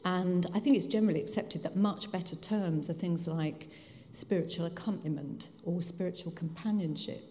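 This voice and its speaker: A mature woman with a Home Counties accent from southern England talks in a reflective, explanatory way as a guest speaker. Her voice is fairly low and soft-edged, with a dark, mellow tone. It rings with the long reverb of a large hall. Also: normal speed, hardly any pauses, a little hiss or hum. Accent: Home Counties English. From Hertfordshire, England. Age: 50s or older. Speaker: guest speaker, spiritual director. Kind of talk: conversational interview talk to a church audience.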